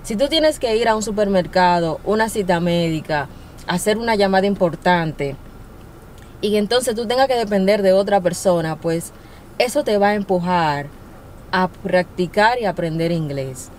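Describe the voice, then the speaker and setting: Speaking at a normal pace in a darkish, medium-pitched voice, a young woman shares relaxed language-learning advice to camera as a vlogger. She's encouraging and laughs frequently. There's a faint hiss or hum in the audio.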